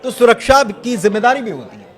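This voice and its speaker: A man analysing news in a studio discussion, emphatic and explanatory, often pausing to hesitate. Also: extremely high pitch, lively intonation, some chatter behind.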